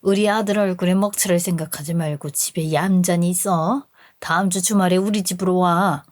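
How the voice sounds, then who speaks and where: A woman's voice: lowish voice, steady tone, moderate pace, a little mellow, no room sound, clean studio sound, close to an everyday voice. A woman voicing a domineering, snobbish older mother-in-law who scolds and sneers at her daughter-in-law in a radio story drama. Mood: furious. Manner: scolding, contemptuous.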